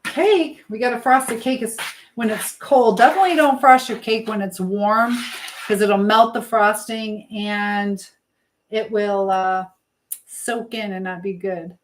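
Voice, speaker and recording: A livestream host bakes in her home kitchen, chatting casually, rambling and thinking aloud. Her mid-range voice is steady and measured, with noticeable background noise and clicks.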